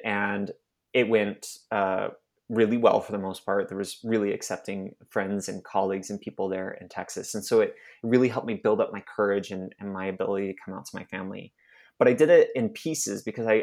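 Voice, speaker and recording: Speaking low with a gravelly edge, a young Arizona man employed at a nonprofit recounts his personal experience in an interview. His telling is emotional and halting, full of restarts.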